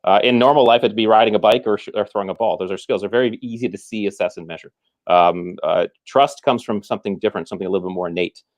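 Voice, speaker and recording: Lower voiced guy, guest on a chat, explains stuff slow with lots of restarts. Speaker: guest, former military trainer. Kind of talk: conversational explaining.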